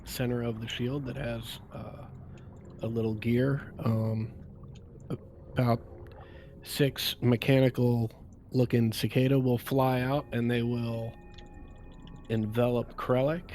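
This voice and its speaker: A man's voice: mid-range voice, dark tone, a little hiss or hum. A man playing a tabletop game, describing his character's actions in careful detail. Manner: deliberate, detailed action narration. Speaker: player.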